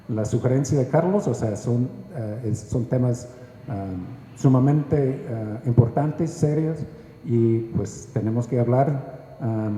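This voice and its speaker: Brief: man from Canada, panelist, very dark tone, halting with fillers, echoey hall. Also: medium pitch. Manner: measured, many hesitant 'ah' fillers. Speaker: book author and researcher. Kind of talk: panel talk answering questions. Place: large hall at a book presentation.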